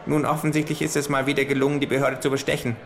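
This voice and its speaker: A man's voice: medium pitch, flat delivery, racing, a little hiss or hum, pitched above the performer's own voice, lightly acted. A man voicing a cheeky, scheming male kangaroo who talks in a dry, laconic, mocking way.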